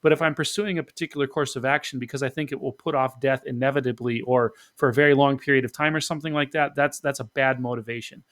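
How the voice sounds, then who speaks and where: A man's voice: medium pitch, fairly even intonation, fast talker, few pauses, a bit bright. A man co-hosting a casual discussion podcast, explaining his points methodically. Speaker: podcast co-host.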